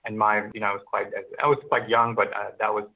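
This middle-aged interview guest, a business founder from Pakistan who grew up in Oman, talks fast in a fairly low, level voice with fry throughout. Telling personal stories reflectively, he frequently restarts and repeats himself, and the thin sound resembles a phone line.

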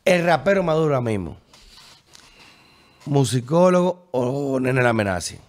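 Slangy Dominican interviewer, mid-pitched man. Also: very animated. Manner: loose, slangy, quick interjections. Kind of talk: casual interview chat.

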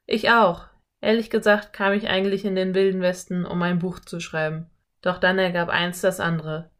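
A woman's voice: on the low side, flat delivery, normal speed, close to an everyday voice. A woman voicing a friendly, laid-back male cowboy in an audiobook. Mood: hearty. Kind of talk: audiobook character voice.

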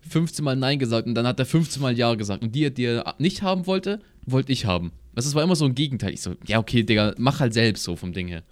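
A young man at his home computer rambles through a story in loose slang, jumping between his own lines and the other person's. His voice sits at a middle pitch and sounds dry and close. It feels like an offhand chat between friends. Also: animated, fast, few pauses, no room sound. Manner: slangy, rambling anecdote with acted-out quotes. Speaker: podcast co-host.

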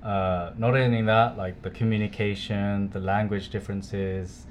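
A man's voice: fairly low pitch, level tone, measured pace, slight background noise. A man from the UK co-hosting a casual podcast, chatty and hesitant with many fillers. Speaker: co-host.

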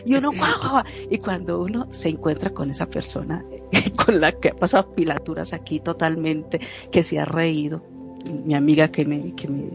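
A woman chatting casually, telling a warm personal story with laughter and mimicked dialogue. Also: deep voice, normal speed, vocal fry. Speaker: guest sharing a story. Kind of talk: casual chat. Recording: slightly dull lo-fi audio, faint music.

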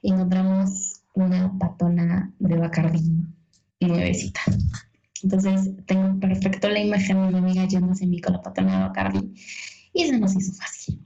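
Gravelly-voiced Mexican woman telling a story. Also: on the low side, moderate pace, muffled recording, soft background music. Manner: lively, self-mocking storytelling with voiced quotes. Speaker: guest storyteller. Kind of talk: casual anecdote.

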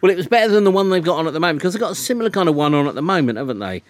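Teasing male radio host, lively voice. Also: a little high, very fast, dry recording. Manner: teasing, chatty, laughs easily. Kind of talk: casual radio interview. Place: radio studio.

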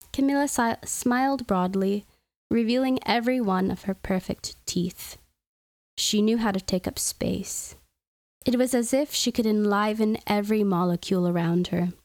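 A woman hosting a podcast, reading a story aloud in a soft, measured, soothing way. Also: medium pitch, dry recording. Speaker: podcast host reading stories. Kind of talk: scripted story narration.

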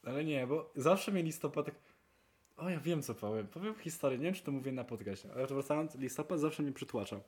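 A young man co-hosting a podcast in casual chat, excitable and swearing freely, his voice jumping up for emphasis. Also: mid-range voice, fairly quick. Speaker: podcast co-host.

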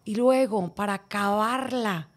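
A woman's voice: mid-range voice, measured pace. A young woman, co-hosting a casual podcast and teasing the others with slangy remarks. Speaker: podcast co-host. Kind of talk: casual chat.

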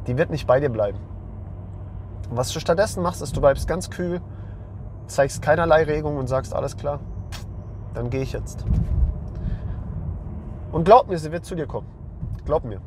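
A young man with a hoarse voice hosting a men's lifestyle channel, talking bluntly and with emphasis and slang, and often repeating himself. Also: on the high side, animated, moderate pace, pauses often, darkish tone, a little hiss or hum. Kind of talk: blunt monologue to camera.

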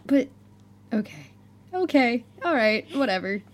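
A woman co-host reacting to a reading with short, baffled, often softly muttered remarks. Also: a little high, lively intonation, unhurried. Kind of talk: casual chat.

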